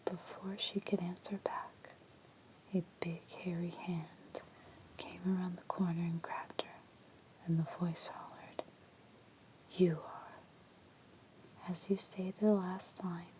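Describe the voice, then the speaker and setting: A woman reading creepy legends as an ASMR storyteller in a hushed, breathy whisper. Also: fairly low pitch, flat delivery, a little slow, rough recording.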